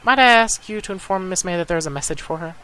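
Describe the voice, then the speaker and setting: A man's voice: high-pitched, fast talker, pushed and bright, smooth, voice pushed up. A man doing a stiff, overly polite bellboy. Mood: courteous. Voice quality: stiff, formal, ends lines with "sir". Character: overly polite male hotel bellboy, formal and fussy. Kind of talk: reading game dialogue aloud in a let's play.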